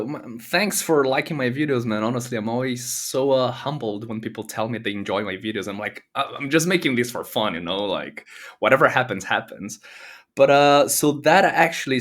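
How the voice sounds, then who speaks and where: A young man from Brazil chatting casually as an interview guest, relaxed, with lots of fillers and easy laughter. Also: medium pitch. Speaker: guest, comedy content creator.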